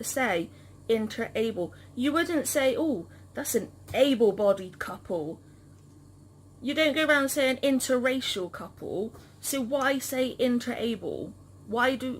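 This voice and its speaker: A woman's voice: on the high side, a little hiss or hum. A woman vlogging with a partner, talking frankly and with some exasperation, often restarting her sentences. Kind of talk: casual vlog chat.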